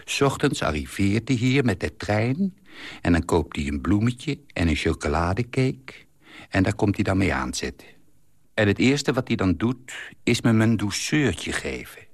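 Man voicing a gossipy middle-aged woman, chatty, confiding, very lively pitch, low voice, dry sound. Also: moderate pace, slightly rough, no echo, exaggerated voice. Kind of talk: reading a literary column aloud.

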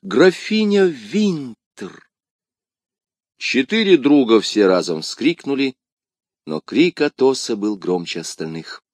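Expressive male audiobook narrator. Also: fairly low pitch, a little slow, no echo, clean studio sound. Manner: expressive, vivid.

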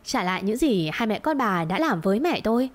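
A woman voicing a wronged young daughter, fierce and defiant, speaking in a sharp, resolute way in a storybook tale. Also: medium pitch, very animated, brisk, close to an everyday voice.

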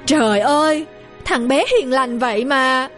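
A loving mother speaks in a choked, emotional voice, as a woman narrator acts her out, pitched well above the reader's own. She sounds anxious and tearful. Soft music plays faintly under this storybook reading. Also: measured pace. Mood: grieving.

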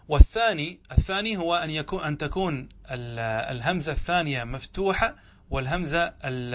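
A sheikh gives a grammar lesson in a fairly high voice for a man. He works through each rule slowly, asks his listeners questions and answers them himself, and draws out each example word syllable by syllable. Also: fairly bright tone. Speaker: sheikh teaching Arabic grammar. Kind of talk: classroom lesson explaining a grammar text.

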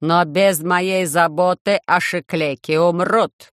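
A reader putting on a booming metallic robot ruler. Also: fairly even intonation, no room sound, clean studio sound, lightly acted. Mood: cold commanding. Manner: slow, loud, measured commands. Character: loud harsh metallic robot ruler, cold and lordly. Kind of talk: audiobook reading.

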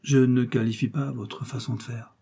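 A stern, cutting aristocrat, a count who fights duels for sport, read by a male narrator. He talks down to people in a cold, clipped way. The voice is mellow and a little husky. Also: mid-range voice, level tone, normal speed. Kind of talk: audiobook character reading.

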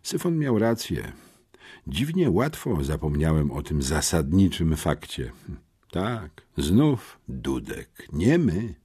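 A man narrating a first-person audiobook story in an expressive way. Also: low voice, slow, breathy edge. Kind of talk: scripted narration.

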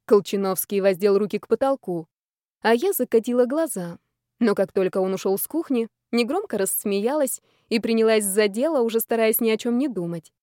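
A woman reading a first-person romance audiobook in a lively, expressive way. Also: fairly high pitch, a little fast, dry recording, clean studio sound. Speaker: audiobook narrator.

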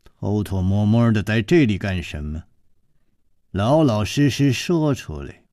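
A man's voice: on the low side, animated, measured pace, mellow, no room sound, studio quality, voice pushed down. A man voicing a fierce middle-aged martial-arts woman who threatens in a cold, hard voice. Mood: cold menacing.

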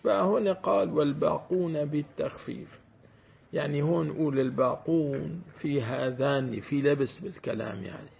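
A sheikh teaching a class on Quranic commentary gives a grammar lecture, stretching out words to demonstrate them and checking that his students follow. His voice is a little high and gravelly at a normal speed, captured on a dull lo-fi recording with faint hiss.

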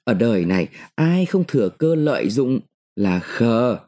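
A male narrator voicing a sharp-tongued, defiant mandarin's wife who scolds and taunts her husband. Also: mid-range voice, very animated, unhurried.

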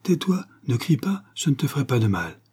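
A man's voice: medium pitch, big pitch swings, fairly quick, a little mellow, slightly rough, voice pushed up. A man reading aloud, voicing a sly young swindler who talks in a wheedling, mock-humble way. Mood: coaxing. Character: sly young male swindler, honeyed and coaxing.

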